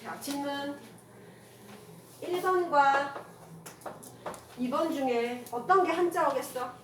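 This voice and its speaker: A woman teaching a classroom grammar lecture, firing quick rhetorical questions at her students and mixing casual with polite speech. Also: high voice, a bit bright. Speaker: Korean language teacher. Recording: echoey room from far off, noisy.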